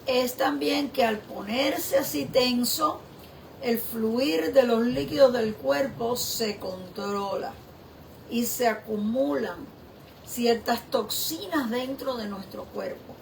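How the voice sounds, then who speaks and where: Slow, gravelly-voiced woman pastor preaching. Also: fairly high pitch, a little hiss or hum. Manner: slow, reflective preaching with questions to the listener. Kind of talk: sermon.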